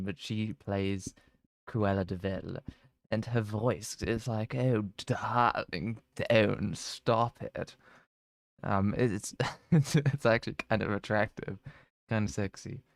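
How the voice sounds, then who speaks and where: Rambling low-voiced man. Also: fairly even intonation, unhurried, darkish tone, dry recording, studio quality. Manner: rambling, self-mocking, swears freely. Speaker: streamer. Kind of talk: casual chat.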